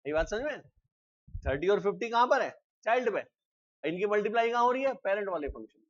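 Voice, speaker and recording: A man teaching a live programming class, explaining step by step and often asking students quick check questions. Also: high-pitched, lively intonation, highs cut off. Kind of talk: live classroom coding lecture.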